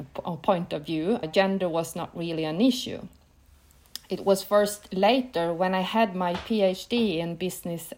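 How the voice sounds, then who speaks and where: A woman's voice: on the low side, darkish tone. A woman in her fifties from northern Sweden, a Swedish native speaker answering questions as a professor in a podcast interview, careful and earnest with slightly non-native phrasing. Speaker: guest, professor of entrepreneurship.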